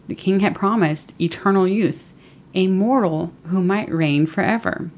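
A woman's voice: medium pitch, measured pace. A woman co-hosting a book podcast, chatting with lots of "like" fillers and reading a chapter summary. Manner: chatty, filler-heavy, animated. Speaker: podcast co-host.

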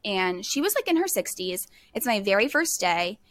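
A woman's voice: medium pitch, sing-song, moderate pace, fairly bright tone. A young adult woman, a podcast guest, telling a personal story in a chatty way full of "like". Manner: chatty, peppered with "like".

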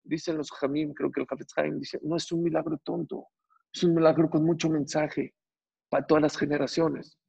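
A man preaching as a rabbi, emphatic and animated, with much repetition, on a dull lo-fi recording. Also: a little high, moderate pace, gravelly, husky. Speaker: rabbi teaching a Torah class. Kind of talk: sermon.

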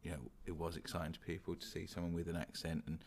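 A man's voice: low voice, monotone, fast, crowd noise. A young man with a London English accent, chatting casually and reflectively, hedging often with "sort of" and "you know". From England. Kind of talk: casual chat.

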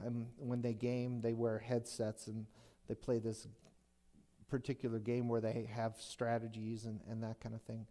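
A man's voice: mid-range voice, mellow. A middle-aged man preaching a sermon as pastor, speaking in a folksy, conversational way that often restarts mid-sentence.

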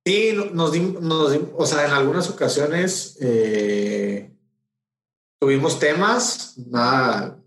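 A man's voice: a little high, slow pace, fairly bright tone. A man with a Mexican accent, an event promoter telling a story in a casual interview, rambling with many fillers and restarts. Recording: roomy echo.

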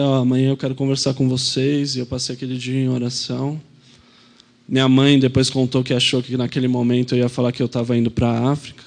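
A man's voice: mid-range voice, gravelly, a little mellow. A man, a pastor telling a personal story in a sermon in an earnest, reflective way.

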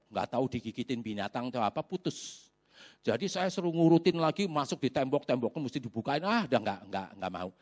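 Animated man preaching a lively sermon. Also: mid-range voice. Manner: animated storytelling with sound effects; colloquial, asks the congregation for amens. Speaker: pastor.

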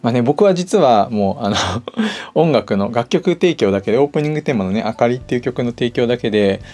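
A middle-aged man hosts his own personal audio show, chatting casually to listeners alone over background music. His mid-range voice is warm and animated, and he speaks fairly quickly.

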